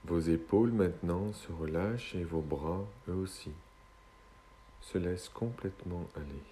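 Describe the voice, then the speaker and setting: A man guiding a hypnosis session in a slow, soothing hypnotist's manner, with long pauses between short phrases. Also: low-pitched, mellow, slight background noise.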